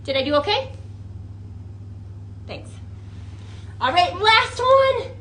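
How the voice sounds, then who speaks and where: A very high-pitched, slow-speaking woman acts as a librarian at an interactive children's storytime, animated and full of exaggerated wonder and coaxing questions. A little hiss or hum can be heard.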